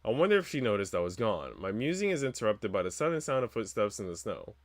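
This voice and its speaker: Here a man narrates a visual novel on stream, voicing the first-person story text at a quick pace. His pitch is lowish and his delivery sing-song, with the game's visual novel music in the background.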